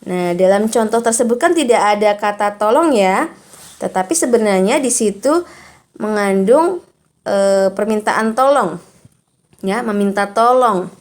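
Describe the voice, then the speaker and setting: With a medium-pitched voice and lively intonation, a teacher patiently walks young children through a recorded lesson. She takes it slowly and reads her example sentences in an exaggerated, sing-song way.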